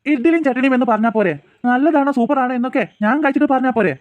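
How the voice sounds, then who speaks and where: A man's voice: extremely high pitch, dry recording, phone-quality sound. A man voicing a jokey cartoon dad. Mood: teasing. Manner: jokey, coaxing, quick talk. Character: easygoing father of two girls, teasing. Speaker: father.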